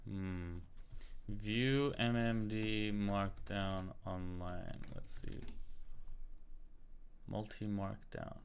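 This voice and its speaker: An Australian livestream host with an American-sounding accent drags out his words and pauses often as he greets viewers and chats to himself while searching on his computer. His fairly low voice holds a steady tone, with slight background noise plus keyboard typing and clicking.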